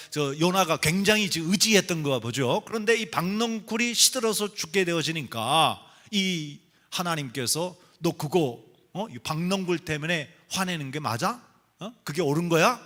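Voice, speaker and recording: A male pastor delivers a sermon with a high, bright voice. He retells a scripture story emphatically. He keeps turning to the congregation with rhetorical questions.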